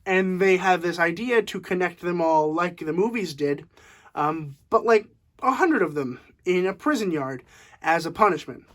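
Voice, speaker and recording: A young man at home giving a casual, animated movie review, laughing often and using lots of fillers. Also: high-pitched, normal speed. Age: young adult. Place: room at home.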